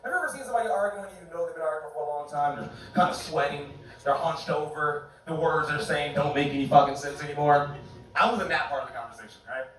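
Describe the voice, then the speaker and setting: A man performing a stand-up comedy set, animated and jumping into high voices for his bits. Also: quick pace, heavy reverb, recorded from a distance, a crowd in the background, rough recording. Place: comedy club stage. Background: audience laughter.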